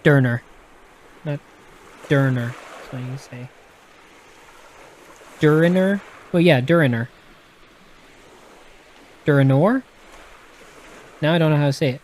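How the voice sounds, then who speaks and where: Speaking slowly with long pauses, this Texan-accented man has a slightly high voice and a darkish tone. He reads from a gamebook to a live audience, chatting casually and explaining the rules with frequent restarts and self-corrections.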